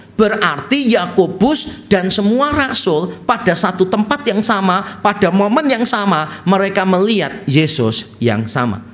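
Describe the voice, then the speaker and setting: A middle-aged man from Indonesia, a pastor preaching a lively expository sermon and telling stories. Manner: lively storytelling with wide pitch swings, quoting others.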